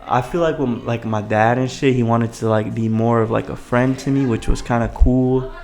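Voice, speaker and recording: A young adult man chatting casually as a podcast co-host, full of slang and swearing, with a gravelly voice. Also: medium pitch, steady tone, moderate pace, a little mellow, soft background music.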